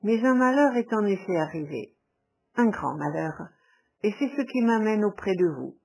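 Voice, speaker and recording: A woman voicing a troubled young man who forces out a painful love confession, in a halting, strained way. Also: mid-range voice, expressive, creaky, darkish tone, breathy edge, poor audio.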